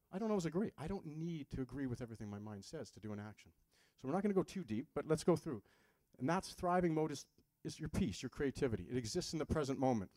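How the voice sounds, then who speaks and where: A man with a medium-pitched, mellow voice, recorded with no room sound, works with patients and is giving a live health seminar. He keeps it conversational, putting questions to the audience and slipping in jokes.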